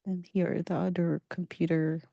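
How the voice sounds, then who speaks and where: A woman's voice: fairly low pitch, level tone, moderate pace, gravelly, mellow, no room sound, dull audio. A woman from the Philippines, hosting a casual live webinar over a video call in an upbeat, chatty way with many fillers. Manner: upbeat, chatty, with frequent fillers and small laughs. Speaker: webinar presenter.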